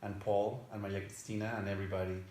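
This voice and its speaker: A man's voice: on the low side, flat delivery, fast talker, slight background noise. A man from Chile, an actor, speaking earnestly and restarting phrases in a documentary interview. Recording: roomy with loud guitar music. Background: guitar music.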